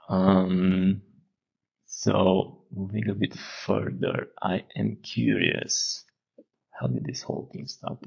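A man hosting a casual interview podcast, speaking slowly and softly in a reflective way. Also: deep voice, little pitch movement, creaky, slightly rough. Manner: slow, soft, reflective, gentle laughs. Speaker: podcast host. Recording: muffled lo-fi recording.

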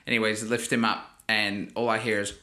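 A young man co-hosting a podcast, telling funny stories in a casual, animated way and laughing often. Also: on the low side, normal speed. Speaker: podcast co-host. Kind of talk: casual chat.

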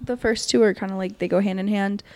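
A woman's voice: mid-range voice, fairly even intonation, fast, darkish tone. A young woman co-hosting a podcast who gives her opinions casually, saying "like" a lot. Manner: opinionated, filler-heavy with lots of "like". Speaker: podcast co-host. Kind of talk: casual chat.

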